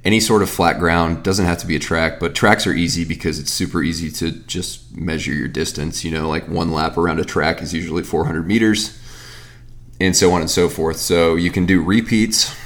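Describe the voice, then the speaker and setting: A man in his thirties with a very deep, low-pitched voice talks through training advice in a loose, conversational way. He rambles, restarts his sentences and fills gaps with casual asides, like a coach answering listener questions on his own podcast. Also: fairly even intonation, moderate pace, a bit bright. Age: 30s. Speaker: fitness coach and podcast host.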